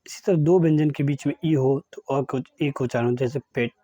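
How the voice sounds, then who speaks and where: An English teacher from India gives a pronunciation lesson, stating each rule and then reading example words one by one. His mid-range voice is warm and mellow and a little fast. The recording is dry and close with no room sound and the highs cut off.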